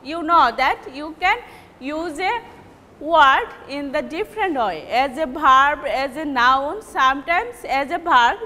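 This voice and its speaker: A woman with a Bangladeshi English accent teaching word stress in a measured way, repeating the example words slowly. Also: sits high, expressive, pushed and bright. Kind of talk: classroom lecture on word stress. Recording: reverberant room with faint ambient noise.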